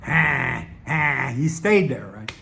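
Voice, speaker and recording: A channel host from the Southern United States, speaking with a Southern American accent, rambles casually in a wry, digressive monologue packed with fillers and restarts. His mid-range voice is expressive, slow, creaky and sharp.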